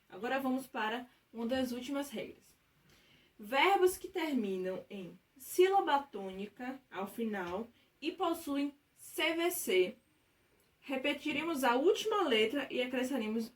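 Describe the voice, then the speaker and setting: High-voiced woman teaching grammar step by step. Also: far from the mic. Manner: patient, step-by-step explaining with frequent check-ins. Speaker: English teacher. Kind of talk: recorded online grammar lesson.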